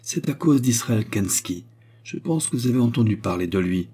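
Man voicing a chatty, earnest young peasant boy, dark husky tone. Warm but rough voice. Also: mid-range voice, animated, moderate pace. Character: talkative good-natured young male Russian peasant.

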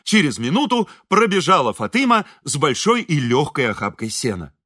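Lively man reading an audiobook. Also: on the high side, normal speed, no echo, clean studio sound. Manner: lively, expressive, voices characters. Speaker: audiobook reader. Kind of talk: expressive audiobook narration.

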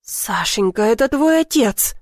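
A woman voicing a tired, gentle middle-aged mother who answers softly and evasively. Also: on the high side, expressive, measured pace, dry recording, studio quality. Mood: pleading. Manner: soft, pleading, evasive.

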